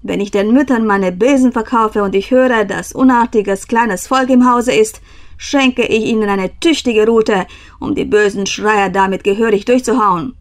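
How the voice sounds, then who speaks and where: A woman's voice: medium pitch, a little slow, close to an everyday voice. Woman doing grumpy old broom-maker. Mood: grumbling. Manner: gruff, grumbling. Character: grumpy bearded male broom-maker, middle-aged.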